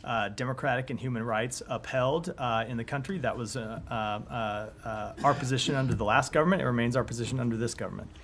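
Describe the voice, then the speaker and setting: A hoarse man speaking as a government spokesperson at a press briefing, measured and given to restarts. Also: medium pitch, a bit bright, a little hiss or hum. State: hoarse, coughing. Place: briefing room.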